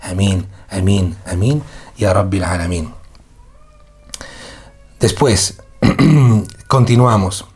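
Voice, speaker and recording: A man's voice: deep voice, very slow, pauses often, darkish tone, breathy edge, soft background music. A man from Spain with a Spanish accent, giving a casual live-streamed religious lesson, laughing through apologies and then explaining patiently. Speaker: Islamic teacher.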